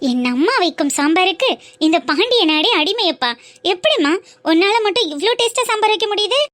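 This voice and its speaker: A woman's voice: very high voice, lively intonation, fairly quick, fairly bright tone. A woman voicing a cheerful, chatty young daughter in a family cartoon, coaxing and playful with her mother. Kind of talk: cartoon voice acting.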